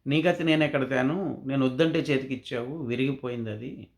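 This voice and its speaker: A man's voice: mid-range voice, brisk, creaky, close to an everyday voice. A poor woodcutter from a children's tale frets over his troubles in a helpless, complaining tone, as a male storyteller puts him on. The voice stays close to an ordinary man's telling voice. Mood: worried.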